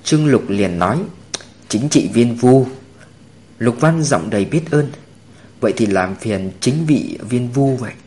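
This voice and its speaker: A man's voice: medium pitch, expressive, a little slow, a little mellow, natural voice. A man voicing a worried, defensive father.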